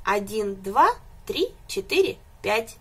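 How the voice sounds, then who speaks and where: A woman's voice: mid-range voice, sing-song, slow pace, breathy edge, full character voice. A woman doing a proud little goat kid. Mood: proudly counting. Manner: bright, proudly counting aloud.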